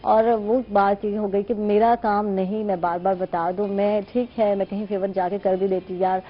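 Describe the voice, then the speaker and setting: A woman hosting a morning TV show in a relaxed, conversational way, her throat a little sore and her nose blocked. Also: medium pitch. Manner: relaxed, conversational, drawn-out emphasis. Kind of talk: chatty talk to the viewers. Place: TV studio. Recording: dull lo-fi sound with faint noise.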